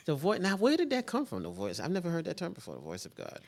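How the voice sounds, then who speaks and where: A man hosting a casual interview, repeating phrases and filling pauses with um and you know. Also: a little high, wildly swooping pitch, a little mellow. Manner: repeats words, laughs, many fillers. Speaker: interview host.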